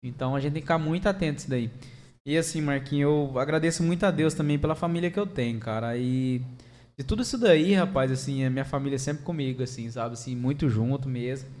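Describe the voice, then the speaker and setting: A middle-aged man with a Brazilian accent, a podcast guest telling stories in an animated, chatty way full of fillers. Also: mid-range voice, fast. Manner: animated, chatty, many fillers, laughs at own story. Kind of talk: casual storytelling chat.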